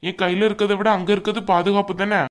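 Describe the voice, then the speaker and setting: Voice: mid-range voice, level tone, quick pace, close to an everyday voice. A voice actor doing a meek cartoon groom. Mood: pleading. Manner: pleading, flustered. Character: meek young groom, company owner, henpecked. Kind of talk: cartoon voice acting.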